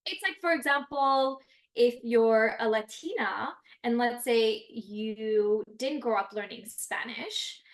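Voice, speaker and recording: Her voice is a little high and she takes her time. Originally a French speaker from Canada, this actress guest keeps the casual conversation lively, expressive, and full of laughter.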